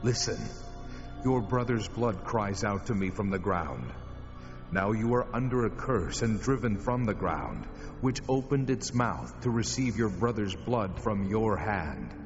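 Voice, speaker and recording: A commanding God of dramatized scripture, solemn and measured in judgment. The deep male voice rings in a long reverb, over loud music. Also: expressive. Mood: stern warning. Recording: long cavernous reverb, dull band-limited sound.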